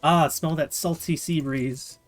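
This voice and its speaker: A man's voice: on the high side, steady tone, a little slow, faint music behind, lightly acted. A man reading a folksy old sea merchant. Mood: jovial. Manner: folksy, drawling sailor talk. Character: gruff seafaring male merchant, folksy and nosy. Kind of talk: reading game dialogue aloud.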